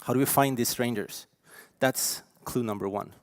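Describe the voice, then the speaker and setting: A man's voice: medium pitch, normal speed, no echo, studio quality. Norwegian-accented man giving an emphatic keynote. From Norway. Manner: lively, emphatic, with frequent fillers. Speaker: keynote speaker. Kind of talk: conference keynote talk. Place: conference stage.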